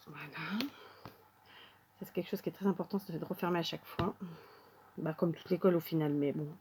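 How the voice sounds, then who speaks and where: A woman's voice: fairly low pitch, steady tone, fast, mellow. Woman chatting thru a card craft demo, lots of euh and voilà, faint clicky background noise. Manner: chatty, thinks aloud with many fillers. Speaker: card-making tutorial host. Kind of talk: casual crafting demonstration.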